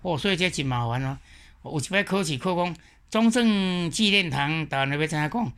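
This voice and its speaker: Higher-voiced Taiwanese man explaining slowly. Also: a bit bright. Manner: repeats example words slowly, drawn out. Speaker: teacher. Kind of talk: explanatory lecture.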